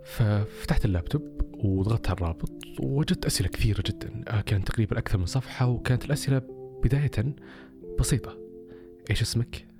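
A man's voice: medium pitch, racing, music in the background. A man telling a personal story casually on a podcast, with many rhetorical questions.

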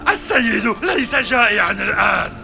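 A man voicing a dim-witted, wrathful giant demon in a children's audio story, gravelly and bellowing in slow groans. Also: sits high, sing-song, music in the background, exaggerated voice. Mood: gruff. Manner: speaks of himself as the master in slow, bellowing groans.

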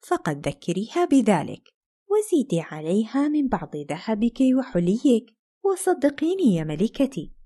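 A woman's voice: fairly high pitch, mellow. A woman voicing a scheming palace maidservant who coaxes her queen in a fairy tale. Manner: coaxing, urgent.

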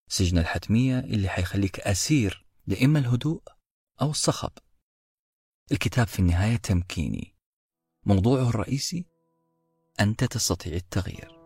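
A man's voice: fairly low pitch, darkish tone, slightly rough, dry recording, clean studio sound. A man hosting a book-summary podcast, narrating reflectively and telling a story straight to his listeners. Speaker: podcast host.

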